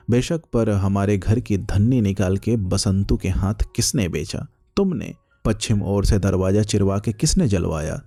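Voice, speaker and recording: A man's voice: lowish voice, dark tone, no echo. A man voicing a poor, hunchbacked young woman who pleads and wails in village dialect.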